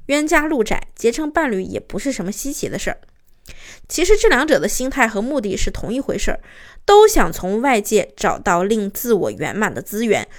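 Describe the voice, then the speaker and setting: A young woman working as a host's assistant narrates relationship advice and recounts a client's story. She acts out the quoted arguments with rising emphasis in a slightly high voice.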